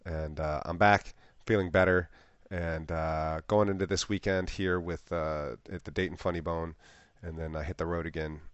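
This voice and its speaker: A man hosting a casual podcast, a stand-up comic who talks in a relaxed way with lots of "uh" fillers. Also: deep voice, moderate pace, hardly any pauses, dry recording, lo-fi sound.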